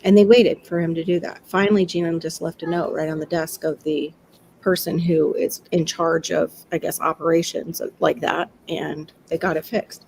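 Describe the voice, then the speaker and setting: A woman's voice: lowish voice, steady tone, normal speed, vocal fry, a little mellow, slight background noise, poor audio. A middle-aged woman chatting casually on a livestream, laughing often and acting out quotes.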